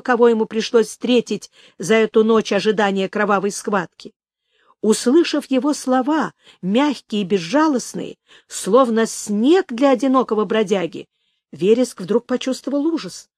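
A woman's voice: fairly high pitch, dry recording. Woman reading an audiobook, dry sound. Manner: measured, expressive reading. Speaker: audiobook narrator. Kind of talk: scripted narration.

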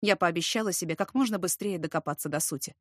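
A woman's voice: lowish voice, quick pace, no echo. Woman narrating a novel in a dry voice. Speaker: audiobook narrator. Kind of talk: first-person novel narration.

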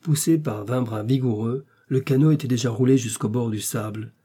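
A man narrating a novel as an audiobook in a steady, measured way, with a husky voice. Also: medium pitch.

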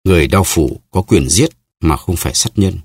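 A man's voice: deep voice, expressive, moderate pace, a little mellow, husky, no room sound, clean studio sound, heavily acted. A man reading an audiobook, voicing a pious executioner who speaks bluntly and solemnly. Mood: grim.

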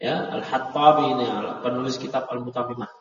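A man's voice: medium pitch, level tone, fairly quick, recorded from a distance. A man teaching a classroom grammar lesson, translating a text phrase by phrase and correcting his students, with frequent "ya" and "nah" fillers. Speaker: religious teacher. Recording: dull echoey hall recording from afar.

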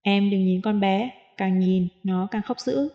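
A woman's voice: mid-range voice, unhurried, dull audio, lightly acted. A woman reading as a teasing playful young man. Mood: whispering. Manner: teasing, coaxing.

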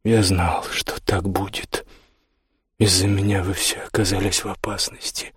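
Brief: male reader doing a quiet, resigned young man, deep and husky. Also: level tone, measured pace, dry recording, clean studio sound, heavily acted. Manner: hushed, low and resigned. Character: frightened, guilt-ridden young man in hiding. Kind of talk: audiobook character voice.

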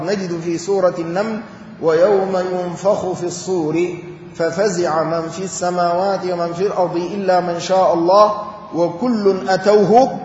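A man delivers a measured religious lesson to an audience in a large hall, reciting verses and restating each point. His voice sits fairly high. The sound is roomy with a long echo, and there is a faint hum behind him. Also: a little mellow, lo-fi sound. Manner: addresses listeners as brothers. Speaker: Quran scholar teaching. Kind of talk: religious lecture.

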